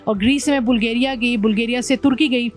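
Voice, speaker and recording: A woman from Pakistan talks through her long motorbike ride in an interview, her voice a touch high and her telling animated. She drops English words into her sentences. Soft music plays underneath. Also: fast. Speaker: motorbike traveller, guest. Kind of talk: interview conversation.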